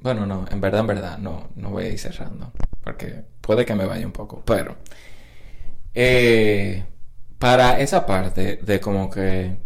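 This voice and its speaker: A man's voice: fairly low pitch, steady tone, measured pace, vocal fry. A man hosting a casual solo podcast, rambling and often restarting and correcting himself. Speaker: podcast host.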